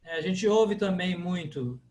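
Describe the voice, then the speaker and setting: Male language teacher, high voice, unhurried, patient and repetitive. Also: animated, a little mellow, reverberant. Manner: patient, explains by repeating words slowly. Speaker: Sanskrit teacher. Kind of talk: online class lecture.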